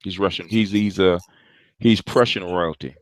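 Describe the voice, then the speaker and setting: A man's voice: low voice, fairly even intonation, normal speed, no room sound, rough recording. A man hosting a casual online chat show, rambling along and often repeating and restarting his words. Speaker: show host. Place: Long Island.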